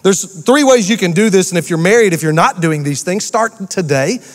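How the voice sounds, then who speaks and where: A man preaching a sermon as pastor, animated and talking straight to the congregation with asides and call-outs. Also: sits high, a little fast, long reverb tail. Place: church auditorium.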